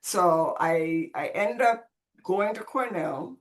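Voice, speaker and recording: Born on Saint Croix and raised in Puerto Rico, this Caribbean woman, who grew up speaking Spanish, shares her life story as a podcast guest, expressive and conversational. Her voice is on the low side and animated, and she takes things slowly.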